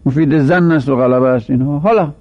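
A man's voice: medium pitch, dry recording. A man teaching a seminary class, explaining grammar point by point and reciting Arabic verses aloud. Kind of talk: classroom lecture. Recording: dull, dry lo-fi recording.

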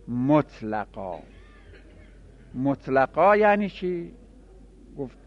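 A man teaching a classroom grammar lesson, explaining step by step and answering his own questions. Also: mid-range voice. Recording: dull lo-fi recording.

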